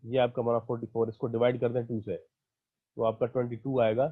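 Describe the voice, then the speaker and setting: A man's voice: medium pitch, level tone, a little fast, breathy edge, narrow, tinny audio. Patient male teacher counting aloud. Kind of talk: online math lecture.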